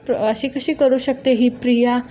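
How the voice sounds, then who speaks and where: Woman voicing a suspicious young lawyer husband, accusing, fairly high voice. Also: steady tone, moderate pace, mellow, slight background noise, close to an everyday voice. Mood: insistent. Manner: insistent, accusing.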